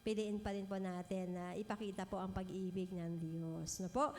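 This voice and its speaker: Middle-aged lady preaching, soft and gentle, keeps going "no po?", long church echo. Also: mid-range voice, little pitch movement, moderate pace, a little hiss or hum. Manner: gentle, frequent "no po" tag questions, mixes English phrases. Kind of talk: sermon. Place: church hall. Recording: long hall reverb.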